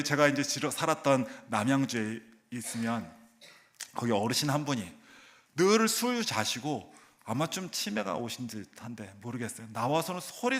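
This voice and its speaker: A middle-aged man preaching a sermon in church, swinging between loud emphatic calls and soft, low asides, and acting out voices of the people in his story. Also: animated, normal speed. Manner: acts out voices of crowd and characters. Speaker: pastor. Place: church sanctuary.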